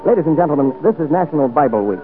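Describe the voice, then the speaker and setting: A man announcing on a scripted 1940s radio show in a formal, measured delivery, heard as an old radio broadcast. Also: on the high side, very animated. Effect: old radio broadcast sound. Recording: tinny old radio broadcast, faint music.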